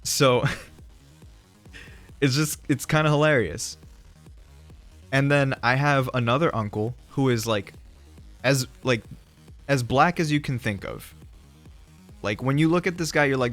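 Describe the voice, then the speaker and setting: Reading viewer messages aloud, a young man streams and chats casually, rambling on, laughing frequently and swearing without restraint. His voice is medium in pitch and a bit bright, with faint background music.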